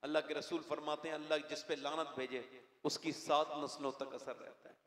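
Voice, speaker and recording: A man with a high, carrying voice delivers an emotional sermon to a large gathering. He pleads softly, then rises to loud cries and asks the crowd questions directly. The sound has a long, echoing reverb. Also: little pitch movement. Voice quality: emotional, builds from soft pleading to loud crying-out. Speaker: preacher. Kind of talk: impassioned religious sermon. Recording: echoey hall with long reverb.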